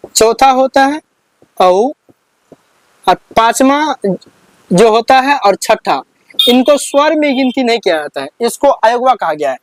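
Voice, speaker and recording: A high-voiced man teaches the alphabet like a classroom lesson, asking "what will we read?" and answering it himself. The sound is close and completely dry, with no room echo. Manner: repeats questions back to students, counts slowly. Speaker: Hindi teacher. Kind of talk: slow classroom explanation.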